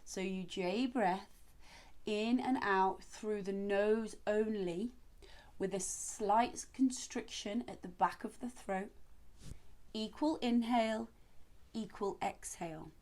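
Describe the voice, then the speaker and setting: A woman yoga teacher speaks at an unhurried, slow pace. She guides breathing practice in short, measured phrases, leaving space between each instruction. Her voice sits at a medium pitch for a woman. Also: darkish tone.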